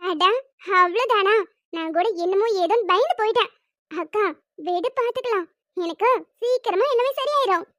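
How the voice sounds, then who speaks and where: A performer voicing a cheerful, curious teenage younger sister who is bright, chatty and playfully insistent. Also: very high voice, moderate pace, pauses often, no room sound, clean studio sound.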